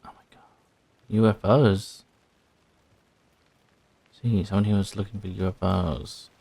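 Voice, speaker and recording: A man's voice: on the low side, steady tone, unhurried, creaky, dark tone, no room sound. A man casually commenting while playing a horror video game, muttering his thoughts aloud with a wry edge. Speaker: gaming channel host. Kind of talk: casual let's-play commentary.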